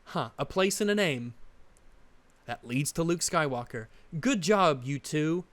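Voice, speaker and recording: A man's voice: fairly high pitch, animated, measured pace, fairly bright tone. A man hosting a commentary video, ranting sarcastically in exasperated criticism of a show. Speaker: commentary channel host.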